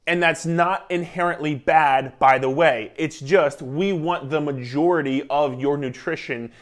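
A man in his thirties, a nutrition coach, giving an energetic, emphatic talk to the camera from his living room on a lapel mic. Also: fairly high pitch, a little slow. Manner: energetic, emphatic, gestures a lot while talking. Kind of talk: casual instructional talk to camera. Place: living room indoors, beside a whiteboard.

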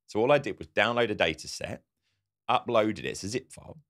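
A man's voice: fairly low pitch, fairly quick. A man co-hosting a marketing podcast, talking casually and acting out quotes as he tells a story. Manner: animated storyteller, acts out quotes. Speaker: podcast co-host. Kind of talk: casual conversational podcast chat.

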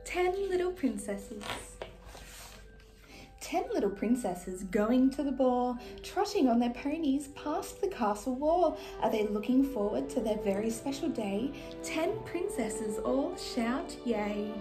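A young adult woman working as a children's party entertainer reads a storybook to small children in character as a sweet, gracious fairy-tale princess. Her fairly high voice is slow, animated, and sing-song, in a small decorated indoor room with music in the background.

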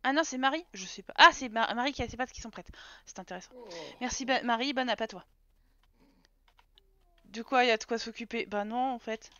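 A woman streamer giving casual let's-play commentary, chatty and quick to scold her game characters. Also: on the high side, fairly bright tone, highs cut off.

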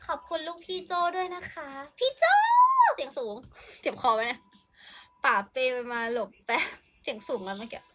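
Bubbly high-voiced young woman streamer. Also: lively intonation, normal speed, noisy background. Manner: playful and chatty, greets and thanks viewers by name. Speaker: live streamer. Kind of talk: casual live-stream chat, reading viewer messages and thanking donors.

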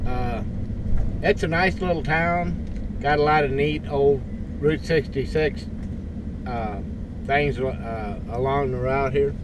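An older man narrating his RV road trip in a relaxed, rambling way, from inside a moving vehicle. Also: mid-range voice, slow pace, long pauses. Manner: easygoing, rambling with many fillers. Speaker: RV travel vlogger. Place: inside a moving RV on a desert highway. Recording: distant from the mic, loud road noise.

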